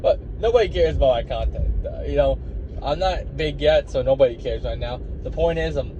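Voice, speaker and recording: A man's voice: medium pitch, brisk. A tired young man, a college wrestler, rambling casually to the camera with lots of fillers and restarts. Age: young adult. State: tired from little sleep. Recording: dull lo-fi audio with loud outdoor noise.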